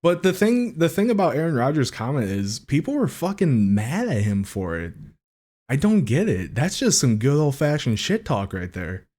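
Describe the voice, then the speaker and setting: A man's voice: mid-range voice, normal speed. A man co-hosting a podcast, telling stories in casual chat and swearing freely. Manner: swears freely, animated storytelling. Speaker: podcast co-host.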